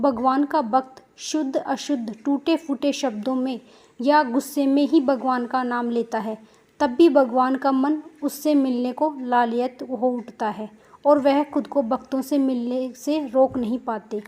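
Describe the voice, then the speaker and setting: High-voiced woman telling a devotional story. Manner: steady, plain storytelling with repeated phrases.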